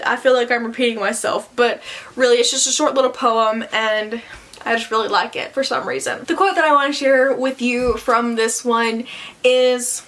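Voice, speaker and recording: A woman's voice: a little high, a bit bright. A young woman vlogging book recommendations to camera, chatty and earnest, with lots of "like" and "I don't know". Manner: chatty and earnest, with many likes and I-don't-knows.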